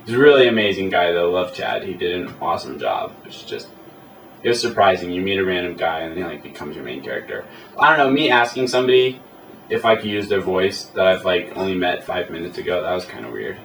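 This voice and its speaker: A man's voice: low-pitched, expressive, fast, a bit bright. A man who works as an animator, chatting casually in an interview and telling rambling, self-amused stories. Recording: echoey room, mic at a distance, faint hiss.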